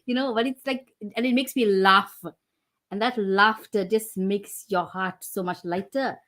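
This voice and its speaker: A woman's voice: mid-range voice, steady tone, a little slow, a bit bright. A woman co-hosting a casual live chat about marriage with her husband, playful and teasing, with frequent giggles. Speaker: co-host of a couple's live talk.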